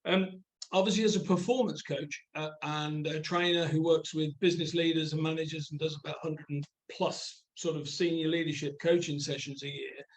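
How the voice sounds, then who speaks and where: A man's voice: a little high, fairly even intonation, normal speed, poor audio. A man who works as a performance coach and trainer, talking informally in a webinar.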